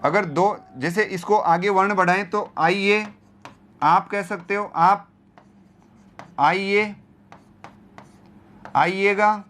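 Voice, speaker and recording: Male grammar lecturer, high voice, unhurried delivery, repeats terms and quizzes the class rhetorically. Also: sharp tone, slight background noise. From India. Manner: repeats key terms and asks rhetorical questions. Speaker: Hindi grammar teacher. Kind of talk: exam-prep grammar lecture.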